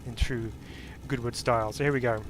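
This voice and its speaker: A man's voice: mid-range voice, fairly even intonation, a little fast, background noise. A man streaming a sim race and commenting as he drives, in a chatty, upbeat way with many fillers. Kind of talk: live-stream commentary while racing. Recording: jazz music playing behind.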